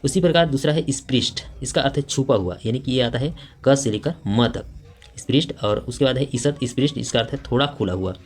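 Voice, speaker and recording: A man's voice: medium pitch, fairly quick. A man teaching a grammar lesson for exam preparation, reading out each question and its options and explaining them step by step with frequent fillers.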